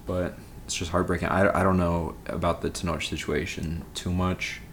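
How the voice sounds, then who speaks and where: Casting: podcast co-host, man in his twenties, low voice, chatty and rambling, faint room hiss. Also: level tone, normal speed. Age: 20s. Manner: rambling, lots of filler "like". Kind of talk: casual film chat.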